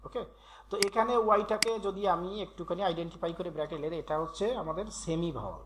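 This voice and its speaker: A man's voice: on the high side, fast, noisy background. A man teaching English letter sounds in a patient, repetitive way, drilling each letter aloud. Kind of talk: Bengali-language grammar tutorial.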